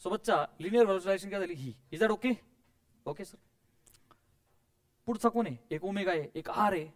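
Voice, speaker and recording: A man's voice: high-pitched, fast. A man teaching physics to a classroom of students, coaxing and quizzing them, mixing English terms in and adding playful sound effects.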